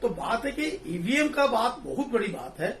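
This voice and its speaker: Man, very high voice, animated, laughs often, roomy echo. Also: normal speed, slight background noise. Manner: animated, laughing, mixing English phrases. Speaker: discussion panelist. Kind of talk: casual political discussion. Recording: echoey room, distant mic.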